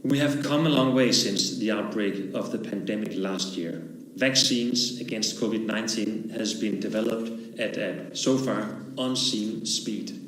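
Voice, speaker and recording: A man from Denmark reading a formal, scripted podium speech as a national delegate. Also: medium pitch. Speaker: national delegate addressing an assembly. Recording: echoey room, faint background noise.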